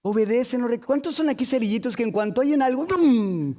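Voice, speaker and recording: A man preaching a sermon in a church, lively and humorous, often checking in with the congregation through rhetorical questions. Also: very high voice, fast.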